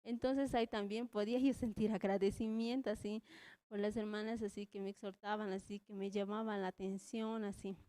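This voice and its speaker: A woman's voice: mid-range voice, flat delivery, fairly quick, dark tone. A young woman volunteer giving a hesitant church testimony, nervous and trembling, filling every phrase with the same little word. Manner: hesitant, repeats "así" constantly, nervous. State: trembling with nerves.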